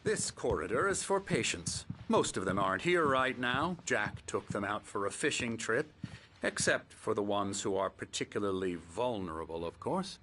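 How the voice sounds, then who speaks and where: A man's voice: on the low side, expressive, moderate pace, sharp tone, a little hiss or hum. An actor playing a controlling, condescending psychiatrist in a video game, talking down to his patient in a falsely soothing manner. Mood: patronising, genial. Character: smooth, condescending, controlling male psychiatrist running a clinic. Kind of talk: dramatic video game dialogue. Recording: music playing behind.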